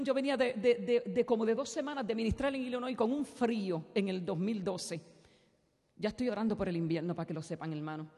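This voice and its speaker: Woman preacher, high husky voice, fervent delivery, long church reverb. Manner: impassioned, swings from soft storytelling to loud exhortation. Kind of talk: sermon.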